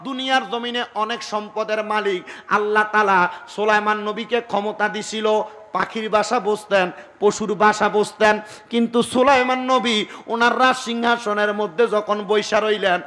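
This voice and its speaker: A man's voice: high-pitched, fairly even intonation, normal speed, pushed and bright, long reverb tail. A man preaching a sermon, telling a story dramatically and acting out its voices. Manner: dramatic storyteller who acts out the voices of the tale.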